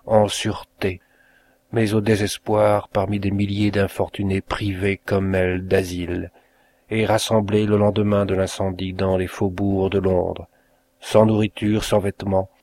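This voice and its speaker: A man with a somewhat low voice narrates an old novel. His reading is measured and expressive, with the steady pace of an audiobook. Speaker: audiobook reader. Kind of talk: scripted narration.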